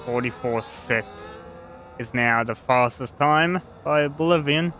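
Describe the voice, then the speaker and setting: A man's voice: mid-range voice, slow pace, bright, forceful tone, slight background noise. A man giving informal live motorsport commentary on a sim race, hesitant and thinking aloud as he goes.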